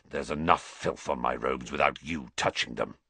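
Low croaking voice, brooding, quiet intensity, haunted fugitive, as a man puts him on, audiobook reading. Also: normal speed, no echo, heavily acted. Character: gaunt, haunted escaped male prisoner, bitter, intense.

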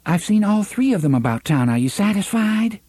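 A man's voice: sits high, big pitch swings, normal speed, mellow, slightly rough, no room sound, voice pushed up, full character voice. A man voicing a proud, defiant young woman who gives firm, clipped refusals.

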